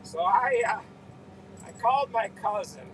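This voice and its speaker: A man's voice: high voice, animated, measured pace, background noise. A man, a farmer, casually telling a story to his live stream viewers while loading hay, easygoing and laughing things off.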